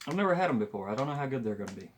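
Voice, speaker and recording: A man's voice: medium pitch, sing-song, rapid-fire. A man chatting casually in a taste-test vlog, offhand and noncommittal, as he snacks on crunchy chips. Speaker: food reviewer. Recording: noticeable background noise.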